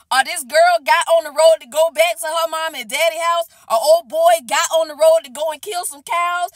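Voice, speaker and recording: A woman vlogger giving an unscripted, casual movie review rant, animated and exasperated, with heavy slang, talking straight to her viewers. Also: sits high, no room sound.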